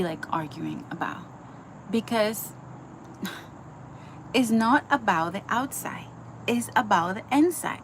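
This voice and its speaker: A young woman from the Dominican Republic, a Bible teacher, gives an earnest, casual devotional teaching that's chatty and packed with likes, ums and restarts. Her voice is mid-range, and the low-quality recording carries slight background noise.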